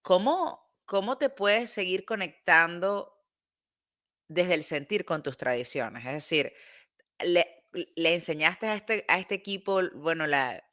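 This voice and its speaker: A woman's voice: lowish voice, expressive, slow, a bit bright. A Venezuelan woman from Maracaibo, hosting a podcast and asking long, eager questions. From Venezuela, Zulia. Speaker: podcast host. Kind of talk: casual interview.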